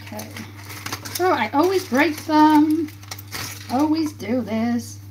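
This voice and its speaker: Cooking in her home kitchen, a livestream host talks with her live viewers in a chatty, casual way while she works at the stove, her voice high-pitched, animated, and slow. The phone camera is close by on the counter, and pans sizzle amid the kitchen noise behind her.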